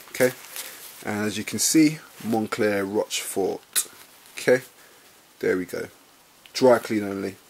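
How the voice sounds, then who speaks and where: A man with a London accent talking casually as he reviews a jacket at home, chatty and relaxed, often calling his viewers guys. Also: fairly low pitch, creaky, slight background noise. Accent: London English. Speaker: fashion vlogger reviewing a jacket. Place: indoors, at home beside a bed.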